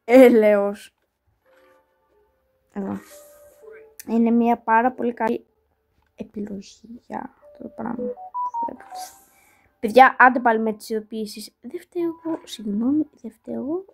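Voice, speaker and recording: A woman with a slightly high voice hosts her own small channel, thinking aloud as she plays a puzzle game. She talks casually and repeats little words as she weighs each move. Now and then she apologises to her viewers and makes fun of her own playing. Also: creaky, pauses often, a little mellow, faint music behind. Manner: self-mocking and apologetic toward viewers. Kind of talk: casual gameplay commentary.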